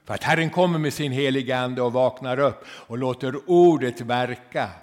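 Man preaching a sermon, gets loud then drops to almost a whisper, lots of "va?", long church echo. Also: medium pitch. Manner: swings from loud emphatic preaching to near-whispered asides; rhetorical questions tagged with "va?". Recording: long reverb of a church hall.

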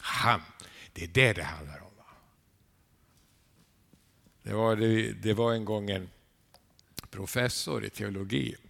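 A man preaching a sermon, animated, asking his listeners rhetorical questions and adding a questioning "eh?" to his lines. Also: lowish voice, creaky, pauses often. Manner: animated storytelling with sudden rises in volume.

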